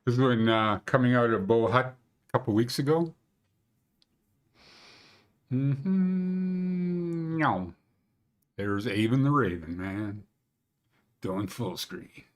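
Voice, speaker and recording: A man's voice: on the low side, measured pace, long pauses. A man in his fifties hosting a park conditions show, chatting casually in rambling, joking asides. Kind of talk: casual morning vlog chat.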